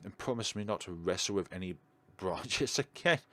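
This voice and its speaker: Sitting low but fairly bright, this gaming host's voice is expressive and moderately paced. In his let's play he reads the visual novel aloud with feeling and slips in conversational asides, with game music behind him.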